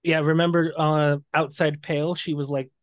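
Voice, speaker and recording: A man's voice: a little high, little pitch movement, moderate pace, dry recording, studio quality. A man co-hosting a casual book discussion podcast, recapping scenes and reading quotes aloud. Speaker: podcast co-host.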